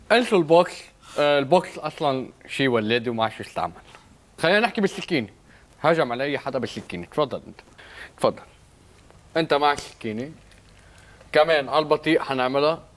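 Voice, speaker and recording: A man's voice: mid-range voice, animated, fast talker, pauses often, natural voice. A man with a Lebanese accent acting a boastful, bumbling self-defense coach in a comedy sketch, tossing English words into his speech. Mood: cocky.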